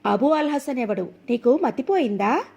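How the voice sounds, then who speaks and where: A woman voicing an angry, deluded young man who shouts orders, believing he is the caliph, in a storybook reading. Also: high-pitched, expressive, moderate pace, gravelly, breathy edge, exaggerated voice. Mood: furious. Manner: shouting, abusive, commanding.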